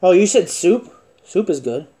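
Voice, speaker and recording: A man hosting a spirit box session, asking questions in a halting, repetitive, insistent and casual way. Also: sits high, big pitch swings, warm tone. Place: indoor room with wooden floor.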